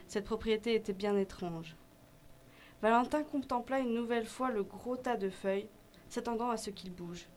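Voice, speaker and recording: A woman narrating a children's story in a gentle, measured reading voice. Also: medium pitch, slight background noise.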